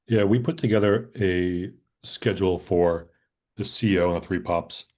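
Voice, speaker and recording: Committee lead: low, very deep-voiced man, orderly, explains step by step in a meeting room. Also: normal speed, darkish tone. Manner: orderly, walks through schedules and bids step by step.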